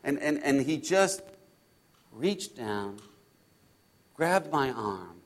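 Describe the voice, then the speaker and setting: Man acting as an impulsive, high-voiced disciple Peter. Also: lively intonation. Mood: hushed wonder. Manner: halting, repeating phrases, swinging from hushed to shouting. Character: Peter, impulsive male disciple recounting storms at sea. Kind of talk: first-person dramatic Bible monologue.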